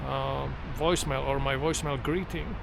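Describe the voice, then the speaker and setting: Walking outdoors near trees and traffic, a middle-aged vlogger whose first language isn't English talks to the camera in a casual monologue, unhurried and reflective, often restarting his sentences. His mid-range voice has a steady tone and vocal fry, and street traffic noise fills the background.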